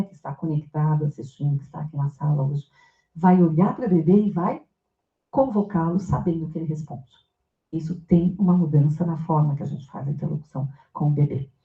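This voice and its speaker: Woman lecturer, engaging and questioning, recorded in an echoey amphitheater. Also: low voice. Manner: engaging, asks the audience questions. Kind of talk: academic lecture. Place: university amphitheater. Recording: echoey hall, tinny phone-like sound.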